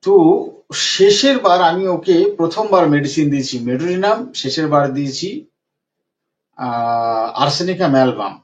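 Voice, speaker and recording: A man's voice: on the high side, expressive, normal speed, pauses often. A man working as a homeopathic doctor, retelling a patient's case and repeating phrases for emphasis. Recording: dull lo-fi recording.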